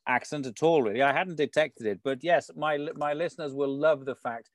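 A man's voice: fairly high pitch, a little fast, no room sound, studio quality. A man hosting a local show, putting chatty, rambling interview questions in a conversational way.

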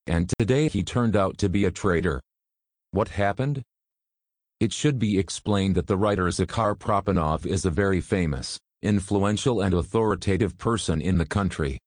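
A man tells a story in a steady, even reading voice. His voice sits very low. The recording is dry and close, with no room sound. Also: no echo. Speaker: narrator. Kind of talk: scripted story narration.

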